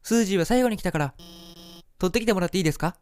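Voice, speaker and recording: A man's voice: high-pitched, racing, darkish tone, a little hiss or hum, lightly acted. A man voicing a timid, polite female monster teacher who sounds a little flustered.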